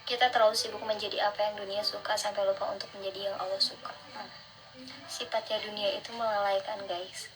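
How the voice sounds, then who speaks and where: A young adult woman with a soft r that slurs toward w, reading out motivational religious lines and commenting on them in an earnest, encouraging, casual way. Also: mid-range voice, little pitch movement, fairly quick, crowd noise, rough recording. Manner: slurred r sounds, close to w. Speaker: vlogger. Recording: instrumental music behind the voice. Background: instrumental music.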